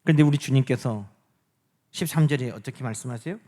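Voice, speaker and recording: A man preaching a sermon as pastor, asking the congregation questions and answering them himself, and acting out quoted speech in a softer voice. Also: mid-range voice, fast. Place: church sanctuary.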